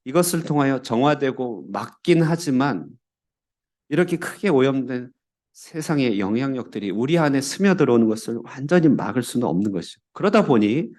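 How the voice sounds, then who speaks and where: Korean pastor guy preaching in church, earnest, leans hard on key words, medium pitch. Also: a little mellow. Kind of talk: sermon. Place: church sanctuary.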